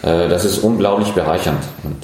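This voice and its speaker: A man in his forties from France, speaking German with a French accent, answering interview questions as a startup founder with thoughtful pauses. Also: sits low, a little mellow, heavy reverb. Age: 40s. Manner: thoughtful, many pauses and fillers.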